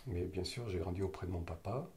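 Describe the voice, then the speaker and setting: Man, 50s, from French Catalonia, low voice, reminiscing interviewee who pauses and hesitates often. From French Catalonia, southern France. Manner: lively storyteller, laughs often, frequent hesitations. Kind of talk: personal reminiscing in conversation.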